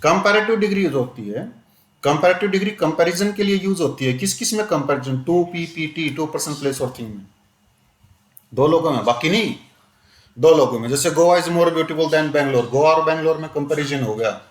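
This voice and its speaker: A man leads a grammar class, pressing students with questions and drawing examples out slowly. His voice sits a little high for a man. The room rings with a hard echo. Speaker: teacher. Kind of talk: classroom grammar lesson in Hindi and English. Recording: echoey classroom.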